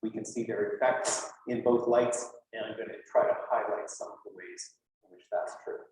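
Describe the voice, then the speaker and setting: His voice is on the low side and a little mellow, at normal speed. The speaker, a linguist with a Western Canadian accent, gives a conversational academic talk in a conference lecture room, full of rhetorical questions and dry asides. The mic is distant and the room very echoey.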